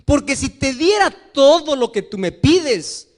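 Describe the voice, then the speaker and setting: Male pastor, high and lively voice, animated sermon delivery, acts out voices in stories. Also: unhurried.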